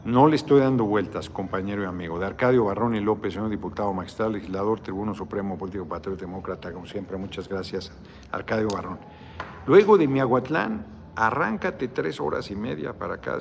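Middle-aged Mexican man, worn out, gravelly voice, loose and salty livestream chatter, faint room noise. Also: on the low side, animated, fairly quick, a little mellow. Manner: rambling, salty slang, reads viewer comments aloud. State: tired. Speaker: politician hosting a live video chat. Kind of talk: casual livestream chat with viewers.

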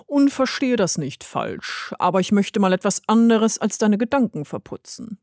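A woman's voice: mid-range voice, normal speed, no echo, clean studio sound. A woman voicing a cheeky little male bird. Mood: calm teasing. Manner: calm, soothing, playful. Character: cheerful, cheeky small male bird, lower voice.

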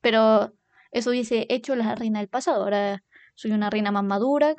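A young woman in her twenties with a Chilean accent, telling stories in a casual, animated monologue and swearing freely. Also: on the high side, a little fast, no room sound. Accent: Chilean Spanish. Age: 20s. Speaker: podcast host.

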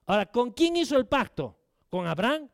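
A man's voice: very high-pitched, very animated, fairly quick, vocal fry, dry recording, clean studio sound. An older man, a pastor, preaching a sermon in a conversational way, asking rhetorical questions and acting out quotes.

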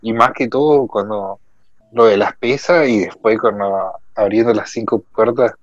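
Young man, laid-back casual chat, soft delivery, dry close recording. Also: fairly low pitch, moderate pace, no echo, highs cut off.

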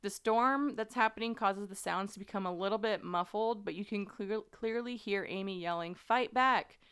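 A woman's voice: mid-range voice, normal speed, clear, resonant tone. A woman hosting a podcast, casually recounting a true-crime story with plenty of fillers and an earnest tone. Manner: conversational, many fillers, earnest. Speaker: podcast host.

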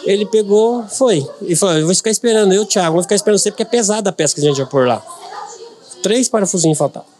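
A man's voice: high-pitched, lively intonation, quick pace, a little mellow. A middle-aged man from Brazil, a podcast guest, telling a personal story earnestly and repeating words for emphasis.

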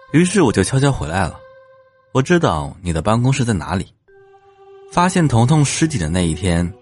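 A man's voice: lowish voice, a little mellow. A man playing a smug, teasing young cop. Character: cocky young male police officer, smug and teasing. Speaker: police officer. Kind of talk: audio drama acting.

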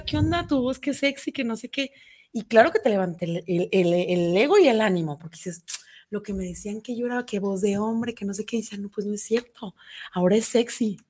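A woman who is a parent, telling stories in a lively, chatty way with an easy laugh. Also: mid-range voice. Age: adult parent. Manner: chatty, animated storytelling with laughs. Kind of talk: casual chat.

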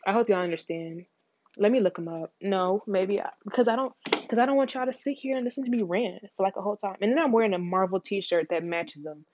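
A teenage girl hosting her own podcast, chatting casually, rambling fast, running her words together and switching topics. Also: medium pitch, darkish tone, highs cut off. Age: teens. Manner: rambling, fast, words run together, slangy, says y'all a lot. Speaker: podcast host. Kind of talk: casual solo chat.

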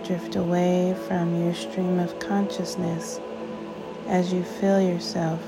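A woman guides a sleep meditation like a sleep story narrator, soothing and unhurried, with long pauses between short phrases. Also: on the low side, little pitch movement, gravelly. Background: music.

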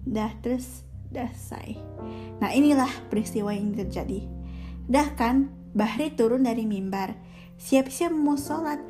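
A woman retells a story in a relaxed, chatty way, often pausing to correct herself. Her voice sits high and sounds warm and mellow. A soft instrument plays faintly in the background. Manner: chatty, with frequent self-corrections and fillers. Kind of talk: casual spoken storytelling.

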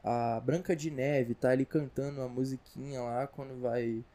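A man's voice: mid-range voice, fairly even intonation, normal speed, dark tone. Rambling slangy Brazilian man. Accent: Brazilian Portuguese. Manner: rambling, slangy, full of restarts and asides. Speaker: vlogger. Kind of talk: comedic casual monologue.

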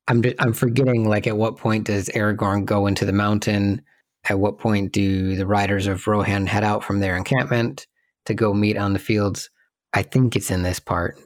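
A man's voice: lowish voice, no echo, clean studio sound. A man co-hosting a podcast, chatting casually about a film and thinking aloud as he searches for details. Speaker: podcast co-host.

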